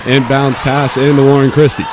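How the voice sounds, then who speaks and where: Inside a school gymnasium, a man calls live play-by-play of a basketball game at a medium pitch, level tone, and moderate pace. Loud crowd and court noise fill the recording, including a bouncing basketball.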